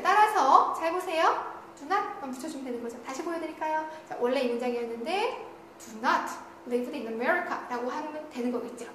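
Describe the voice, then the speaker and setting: A woman's voice: high-pitched, fairly bright tone. A woman giving a recorded online grammar lecture. She keeps saying "자" and asks questions that she then answers herself. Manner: repeats "자" often, asks and answers her own questions. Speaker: English grammar teacher. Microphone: studio lecture recording. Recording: very echoey room with faint noise.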